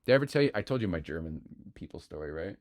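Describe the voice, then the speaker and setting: A man's voice: low-pitched, animated, very fast, no room sound, clean studio sound. A man co-hosting a podcast in casual chat, laid-back, swearing and trailing off with fillers. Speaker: podcast co-host.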